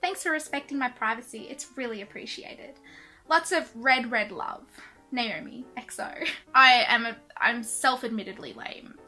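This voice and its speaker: A woman's voice: fairly high pitch, lively intonation, normal speed, pushed and bright, faint music behind. A young woman reading her old diaries aloud in a casual, self-mocking and embarrassed way. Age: young adult. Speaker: vlogger.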